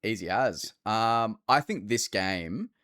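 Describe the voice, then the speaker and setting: A man's voice: fairly low pitch, animated, slow, fairly bright tone, no room sound, clean studio sound. An Australian man co-hosting a podcast, talking casually about sport over a call. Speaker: fantasy rugby league podcast co-host.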